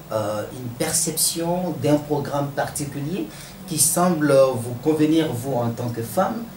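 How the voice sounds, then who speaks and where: A man's voice: mid-range voice, darkish tone. Man, formal wordy interviewer, roomy echo, faint background noise.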